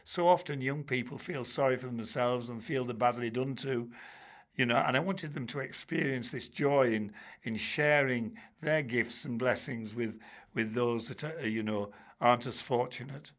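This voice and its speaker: Speaking at normal speed in a mid-range voice, this older Bradford man, once a teacher and now a charity trustee, spins stories as an interview guest. He's chatty and warm-humoured, often restarting, adding asides and dropping "you know"s in the easygoing talk.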